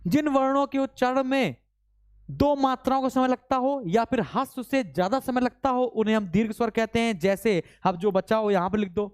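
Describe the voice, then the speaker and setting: A man teaching a live online grammar class, constantly quizzing his students with quick repeated questions and urging them to answer fast. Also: very high voice, clear, resonant tone. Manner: urges students to answer fast, mock-scolding; reads out student names from chat.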